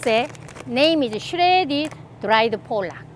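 A woman's voice: high voice, lively intonation, takes it slowly, a little hiss or hum. Chatty Korean-accented woman shopping. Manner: chatty, enthusiastic, laughs often. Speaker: cooking channel host. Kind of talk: casual shopping walkthrough. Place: large grocery store aisles, indoors.

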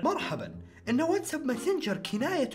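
Fast, lively man. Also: very high-pitched. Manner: playful, laughs often. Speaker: YouTuber host. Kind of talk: casual reaction vlog reading messages.

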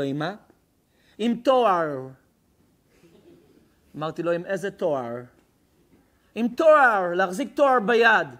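A rabbi giving an impassioned ethics sermon, swinging from shouted rhetorical questions to hushed, intimate storytelling. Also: male voice, high voice.

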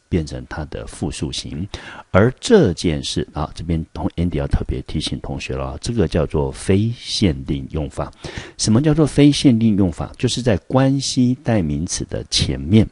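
A man with a low, slightly husky voice teaches an online English lesson. He reads each textbook sentence aloud, then explains it patiently, asking the class questions and repeating key words. The sound is dry and close, with no room echo. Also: darkish tone. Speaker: high school English teacher.

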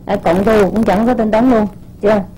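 A woman's voice: mid-range voice, fairly even intonation, normal speed, mellow, breathy edge, low-quality recording. A woman spiritual teacher giving an informal sermon to her disciples. She scolds, repeats words while searching for them, and keeps asking rhetorical questions.

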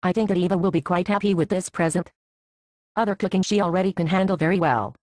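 A woman's voice: fairly low pitch, fast talker, darkish tone, dry recording, close to an everyday voice. A woman with a Swedish first language playing a cat's secret agent in a home video skit, teasing and bossy. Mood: scolding. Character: female secret agent of a blogging cat.

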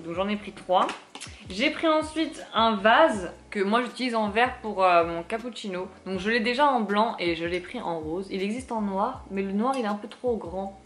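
A woman's voice: fairly high pitch, fairly bright tone, slight background noise. A young woman chatting casually through a shopping haul vlog, with many fillers and self-mocking asides. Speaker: vlogger.

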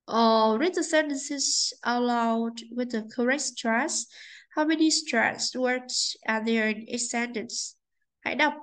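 A woman teaching an English textbook lesson, with a slightly high voice. She speaks politely and keeps checking that her students follow with little tag questions. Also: rough recording.

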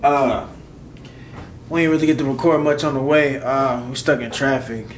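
A young man in his twenties vlogging to a camera held at arm's length. His talk is laid-back and full of slang, and his speech fillers come easily. Steady background noise sits under his voice. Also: mid-range voice, moderate pace, far from the mic. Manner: laid-back slangy talk, lots of "you know what I'm saying". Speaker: rapper vlogging a road trip. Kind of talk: casual vlog talk to camera. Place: car and hotel room.

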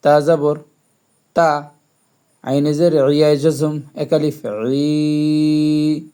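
A man teaching Quran reading, spelling out each letter and vowel mark, then chanting the syllables in long drawn-out tones. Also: fairly high pitch, flat delivery, mellow. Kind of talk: slow spelled-out Quran recitation lesson.

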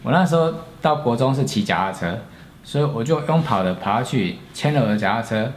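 A man in his forties with a Taiwanese Mandarin accent tells a story from his own life. He speaks earnestly and reflectively in a mid-range voice, pausing and restarting as he recalls it. Faint noise sits behind him. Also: medium pitch, animated. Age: 40s. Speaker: storyteller, channel host. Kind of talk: personal storytelling.

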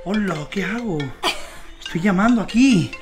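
A woman vlogging a prank outdoors by a pool, loud and exclaiming, often laughing and shouting. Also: mid-range voice, normal speed, over music. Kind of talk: excited vlog banter. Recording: noisy outdoor camera audio.

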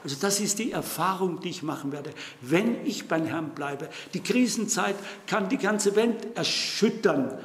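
A man preaching at a slow, deliberate pace, his voice a little high for a man. He presses key words with urgent repetition and stumbles now and then over Bible references. The long reverb of a church hall surrounds him, with faint room ambience underneath. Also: expressive. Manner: emphatic, repeats key words, urgent calls to wake up; halting with fillers and self-corrections when citing verses. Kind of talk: sermon. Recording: echoey hall, mic at a distance.

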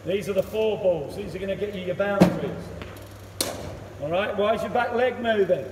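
High-voiced cricket coach in an echoey hall. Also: male voice. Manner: encouraging, brisk instructions and praise. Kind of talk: one-to-one coaching session. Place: indoor cricket net hall. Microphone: camera across the net, far off. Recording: echoey hall, voice from far off, loud noise.

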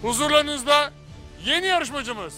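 A man's voice: very high-pitched, expressive, measured pace, bright, forceful tone, faint music behind. A man hosting a reality competition show, welcoming a contestant in an upbeat, announcing manner. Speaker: show host.

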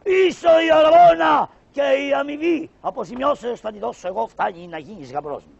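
A shrill, shouting pasha. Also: male voice, sing-song, vocal fry, husky, heavily acted. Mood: angry. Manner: booming, bossy proclamations. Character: high-pitched shouting Ottoman pasha, pompous and hot-tempered. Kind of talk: Greek shadow-puppet theater. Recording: dull lo-fi recording.

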